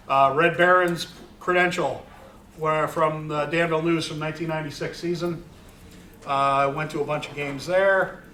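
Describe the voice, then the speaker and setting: Middle-aged man, slightly high voice, chatty and rambling, caught from across an echoing room. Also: fairly bright tone, a little hiss or hum. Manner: rambling, with many fillers and restarts. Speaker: sports photographer giving a talk. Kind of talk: casual talk to an audience. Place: room with an audience. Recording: roomy, distant recording.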